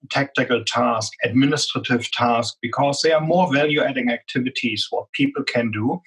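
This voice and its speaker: In a low-quality recording, a man with a husky, medium-pitched, fairly bright voice talks in a strong German accent. He's the guest executive in a business interview, earnestly explaining and leaning heavily on "um" fillers.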